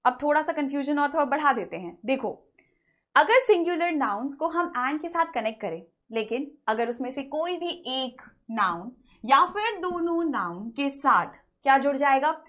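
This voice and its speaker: In an online lecture, a woman explains English grammar in a mix of Hindi and English, asking questions and answering them herself and slowing down to read example sentences. She has a high-pitched, somewhat bright voice with lively intonation.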